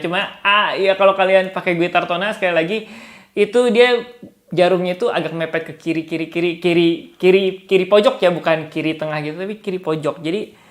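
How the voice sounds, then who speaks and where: A man's voice: sits high, a bit bright. A man giving a casual spoken guitar lesson as a guitar tutor, chatty and chuckling often, referring to himself in the third person.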